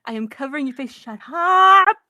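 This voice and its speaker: A woman's voice: high voice, animated, moderate pace, pushed and bright, no echo. A woman co-hosting a casual podcast, teasing and swearing as her voice cuts in and out behind a covered microphone. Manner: teasing, swearing, playfully combative. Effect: voice cutting in and out, muffled by a covered microphone. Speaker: podcast co-host. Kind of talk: casual chat.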